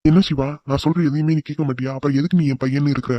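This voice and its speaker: A man's voice: fairly high pitch, steady tone, racing, warm tone, dry recording, natural voice. A man voicing a stern, authoritarian father in a cartoon, scolding and commanding.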